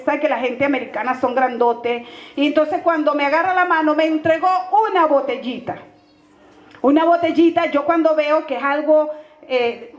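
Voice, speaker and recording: A high-voiced Venezuelan woman pastor gives a fervent sermon testimony, speaking straight to her listeners as brother. Her voice rings through a roomy church and comes across dull and lo-fi. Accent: Venezuelan Spanish.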